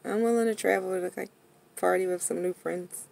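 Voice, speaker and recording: An American woman with a husky, gravelly voice, rambling drunkenly and bluntly in a casual rant to her viewers, with some swearing. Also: on the low side, fairly even intonation, a little fast, darkish tone. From Pennsylvania, United States. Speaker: vlogger.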